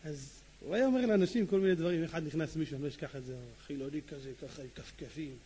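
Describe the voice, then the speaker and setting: A male preacher with a high voice delivers a sermon. He tells stories theatrically, acting out the scenes with animated energy and joking asides. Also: breathy edge. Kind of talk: sermon with dramatic storytelling.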